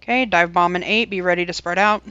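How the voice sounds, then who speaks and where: A man barks brisk, short commands to his team in gaming voice chat, heard through a headset. His voice sits high and sounds smooth and clear. The sound is close and dry. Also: fairly even intonation, pushed and bright, no echo, muffled recording. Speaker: raid caller.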